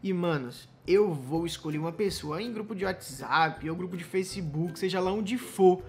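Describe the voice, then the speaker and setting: Recorded in a small home gaming room with background music and slight noise, a young Brazilian man from Bahia talks at a moderate pace in a high-sitting voice. A gaming YouTuber, he keeps things slangy and informal, addressing viewers as buddies.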